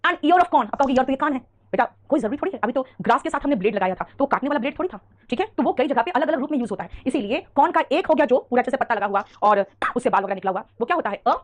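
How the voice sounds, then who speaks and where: A high-voiced Indian woman teaches an English grammar lesson at a rapid clip. Her tone is brisk and fondly scolding, like a teacher coaxing students through common mistakes. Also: expressive. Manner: fast, scolding-affectionate, calls students "beta". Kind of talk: online grammar class.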